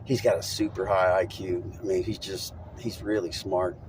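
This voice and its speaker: A man's voice: deep voice, flat delivery, normal speed, background noise. Chatty middle-aged man rambling while driving. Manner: rambling, chatty, laughs at his own story. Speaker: vlogger telling a story. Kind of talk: casual storytelling monologue while driving. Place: inside a moving vehicle.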